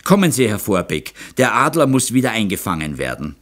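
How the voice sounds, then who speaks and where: A man voicing a spirited young countess who gives brisk, decisive orders. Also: lowish voice, very animated, a bit bright. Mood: alarmed.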